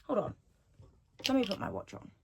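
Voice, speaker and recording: This medium-pitched female voice swings widely in pitch at a normal speed, sounding creaky and a little mellow over slight background noise. She's an eighteen-year-old solo podcast host rambling freely from home and often repeating her own phrases. A device's built-in mic captures her, not a podcast microphone.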